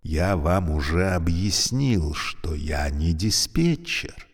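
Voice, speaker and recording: A man voicing an old, creaky, talking elevator, speaking slowly and courteously with a weary, sorrowful politeness. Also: sits low, animated, long reverb tail, full character voice. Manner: slow, courteous, mournful.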